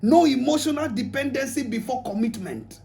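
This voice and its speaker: A man's voice: very high voice, lively intonation, moderate pace, vocal fry, warm tone. A man with a Nigerian accent giving a humorous relationship talk to an audience, slipping into pidgin and acting out little scenes. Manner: humorous, mixes pidgin, acts out quotes. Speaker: relationship speaker.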